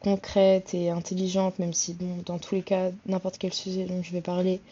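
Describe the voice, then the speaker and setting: A woman's voice: lowish voice, completely flat delivery, normal speed, warm tone. Hesitant young woman podcaster, dull sound. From France. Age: 20s. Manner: hesitant, many fillers and restarts. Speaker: podcast host. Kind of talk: casual solo podcast talk.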